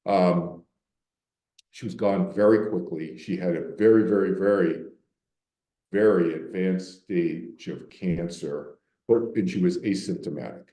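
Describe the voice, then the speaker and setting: An older meditation teacher from Boston, Massachusetts, gives a candid, conversational public talk in a library meeting room, repeating words when he restarts a thought. His voice sits low and dark, a little slow, with a roomy sound.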